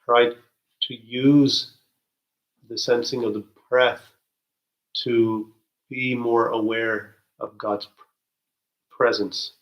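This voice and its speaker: Speaking gently, a man guides a spiritual meditation, with soft, halting restarts and long pauses. His voice is medium-pitched and level in tone, and the audio sounds dull.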